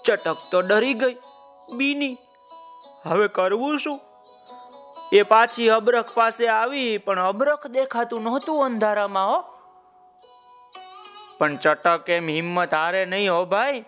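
A man narrating a children's story in a lively way, talking to his listeners by name. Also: high voice, slow, pauses often, soft background music.

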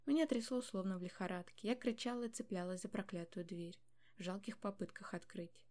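A woman's voice: medium pitch, fairly quick, a little mellow. A woman reading a first-person story aloud with tense, emotional narration. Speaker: audiobook narrator.

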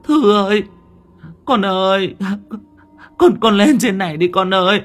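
A grieving older mother, frantic and desperate, as a male narrator puts her on for an audio story. The voice is pushed high and loud with a husky grain, lively in its rises and falls. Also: slow, full character voice. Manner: crying out, frantic.

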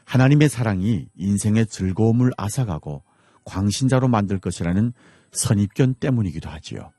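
Man, North Korean accent, dark raspy voice, dry close sound, formal earnest radio preacher, scripted delivery, music underneath. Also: on the low side, dry recording. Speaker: radio host and missionary.

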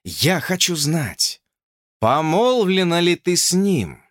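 A man's voice: on the high side, sing-song, a little slow, a bit bright, no echo, clean studio sound, pitched above the performer's own voice. A man voicing George, a flustered young suitor. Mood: agitated. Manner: insistent, flustered, stammering.

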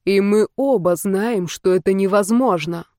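A smug young emperor, read by a woman narrator in a storybook audiobook. He speaks in a calm, measured way, with a level mid-pitched voice. The recording is dry and close. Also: dry recording, natural voice. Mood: cold assured.

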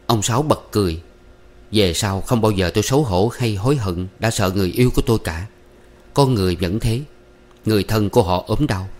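A man with a somewhat low voice reads a story aloud. His delivery is steady and measured, in a plain audiobook narration.

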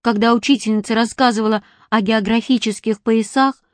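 A woman reading a children's story aloud in first person, in slow careful storytelling. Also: on the high side, fairly even intonation, no echo, studio quality. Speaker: audiobook reader.

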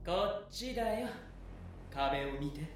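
A man's voice: high-pitched, lively intonation, slow pace. A man playing a courteous, eerie young man from a painting in an audio drama, with a polite, creepy welcoming manner. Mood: eerily courteous. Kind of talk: Japanese audio drama acting. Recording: distant, echoing, noisy background ambience.

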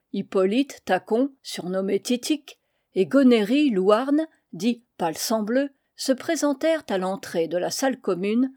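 A woman narrating a storybook with a lively, expressive reading style on a close mic. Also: mid-range voice, no room sound. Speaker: audiobook reader.

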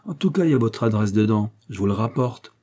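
A man's voice: fairly low pitch, animated, brisk, dark tone, natural voice. A man voicing a cheeky young working-class Parisian, talking in slangy, cocky bursts.

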